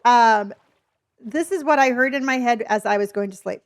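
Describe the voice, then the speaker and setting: A woman's voice: fairly high pitch, normal speed. A woman live streamer chatting casually with her viewers while gaming, with a speech impediment on her R sounds. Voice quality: speech impediment, cannot pronounce R's. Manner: chatty, addresses viewers as honey.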